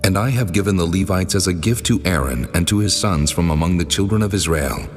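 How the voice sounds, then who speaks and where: A man voicing God in a dramatized scripture recording, solemn and commanding, with stately measured pronouncements in heavy reverb. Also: low voice. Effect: long reverb. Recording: long cavernous reverb, music underneath.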